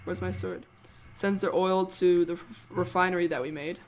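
A man's voice: sits high, fairly even intonation, normal speed, slight background noise. A teenage boy giving rambling, playful commentary while playing a game, with goofy jokes. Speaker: let's play host. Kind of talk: casual gameplay commentary.

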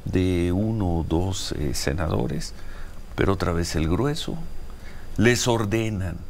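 A man's voice: sits low, expressive, takes it slowly, gravelly, a little hiss or hum. An older man with a Mexican Spanish accent hosting a political interview in a TV studio, asking pointed, rhetorical questions. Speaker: host.

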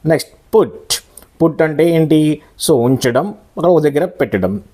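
A man with a Telugu accent teaching a spoken English lesson, explaining verb forms slowly and drilling words by repetition. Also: fairly high pitch, dark tone. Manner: slow, deliberate, drills words by repeating them.

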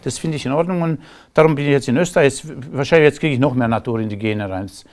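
A middle-aged Romanian man with a Romanian accent is a guest in a casual interview, speaking in long emphatic runs and laughing between remarks. His voice is medium-pitched, fast and a little mellow.

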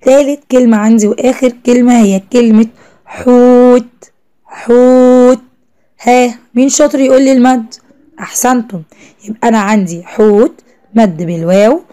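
A young woman with an Egyptian Arabic accent teaches a first-grade class, praising the children often. Her voice sits fairly high but sounds mellow and soft-edged. She stretches out each word slowly when she spells it. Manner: drawn-out slow spelling of words, encouraging praise to children.

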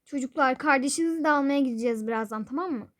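A woman's voice: high-pitched, racing, natural voice. Woman playing a grumbling fussy mother. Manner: nagging, grumbling with sighs. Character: fussy scolding mother of a family. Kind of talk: toy-game role-play voicing.

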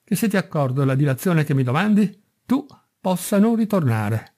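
A man reading aloud as an enormous vengeful genie from a storybook, delivering stern, unbending verdicts. The voice sits somewhat high yet sounds mellow and warm. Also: very animated, normal speed. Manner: stern, unyielding pronouncements. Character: huge vengeful male genie with a sword.

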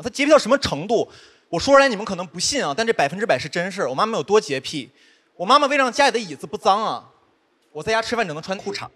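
A young man performing a stand-up comedy set on stage, telling quick self-mocking stories with constant asides to the audience. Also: high voice, fairly bright tone. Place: studio stage before a live audience. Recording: live stage mic with audience laughter. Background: audience laughter.

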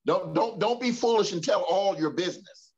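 A man with a high-pitched voice teaches a Bible study in a preacherly way, often restarting and repeating words and calling out to the room. The recording is dull and lo-fi. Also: moderate pace, a loud crowd. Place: church.

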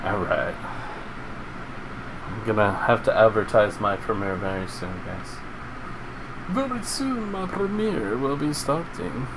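A middle-aged male live streamer gives casual commentary while playing a video game at an indoor gaming setup, speaking into a close mic. His voice is fairly low with lively intonation, slow and full of pauses. The recording is noisy, with game vehicle and gunfire sounds behind him.

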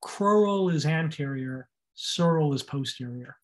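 Narrating over his slides, a man delivers an anatomy lecture, spelling out and repeating every term to emphasize its pronunciation. His teaching voice is plain and even, slightly high, and unhurried.

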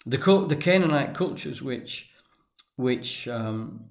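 A man lecturing at length off the cuff, speaking deliberately and pausing often, with restarts as he stresses key words. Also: medium pitch, lively intonation. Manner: deliberate, halting, with restarts and emphatic pauses. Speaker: tarot and religion commentator. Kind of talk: unscripted lecture.

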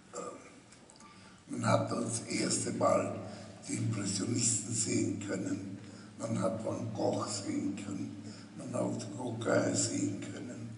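An elderly man reflects aloud at a slow, unhurried pace, his breathy voice grainy with fry. His pitch rises and falls widely as he speaks. The sound comes from a headset mic but reaches the camera from across a roomy, echoing exhibition hall. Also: distant mic, slight background noise. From Vienna, Austria. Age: older. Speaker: artist being interviewed. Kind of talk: slow, reflective conversation on stage. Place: large exhibition hall, indoors.

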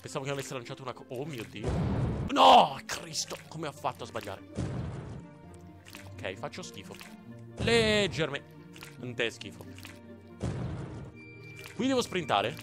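A young man from Italy commentating a platform game, excitable, swearing and exclaiming often. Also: medium pitch, measured pace, long pauses, music in the background. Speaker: gaming YouTuber. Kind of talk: let's play commentary.

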